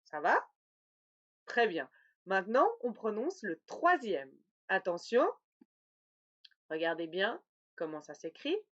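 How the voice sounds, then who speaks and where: A woman's voice: medium pitch, sing-song, slow pace, long pauses, fairly bright tone, dull audio. A woman teaching French nasal sounds, articulating each word carefully and repeating for practice. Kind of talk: slow, deliberate pronunciation lesson.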